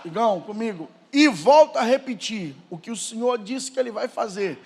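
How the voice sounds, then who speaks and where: A man preaching a Pentecostal sermon in church with a Brazilian Portuguese accent, moving from quiet, low talk to shouted proclamations. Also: animated, normal speed, creaky, a little hiss or hum. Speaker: pastor.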